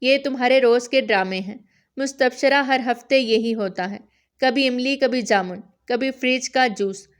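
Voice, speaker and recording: A woman's voice: fairly high pitch, natural voice. Woman doing a sensible, impatient bookish girl, chiding tone, audiobook read. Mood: annoyed.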